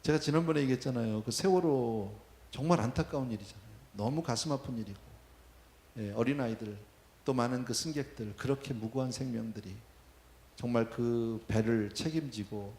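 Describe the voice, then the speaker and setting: A man's voice: mid-range voice, a little fast, darkish tone, echoey room. A man preaching a sermon, talking in a conversational way and asking the congregation questions. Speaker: pastor. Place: church.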